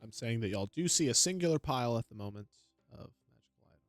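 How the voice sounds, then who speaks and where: A man's voice: medium pitch, lively intonation, fast talker, no echo, faint music behind. A man running a tabletop game as game master, narrating and giving brief replies to players.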